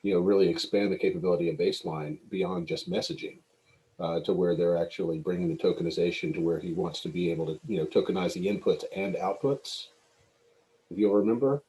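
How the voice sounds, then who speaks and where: A man's voice: low voice, brisk, mellow, low-quality recording. A man talking casually on a call, hesitant and using many fillers like "uh, you know". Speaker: community member on the call. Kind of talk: casual livestream discussion.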